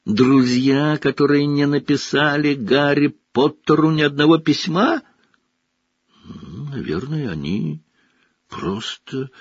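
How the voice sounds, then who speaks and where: A man voicing a small anxious male house-elf servant, high and pleading, who humbly calls everyone sir and speaks of himself by his own name. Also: expressive, slow, slightly rough, no echo, exaggerated voice. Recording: slightly dull, dry recording.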